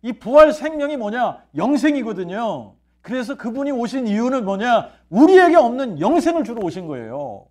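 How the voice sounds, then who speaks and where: A man's voice: extremely high pitch, sing-song, normal speed, hardly any pauses. A man, a pastor, preaching a sermon. He asks rhetorical questions, answers them himself, and repeats key phrases. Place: church sanctuary.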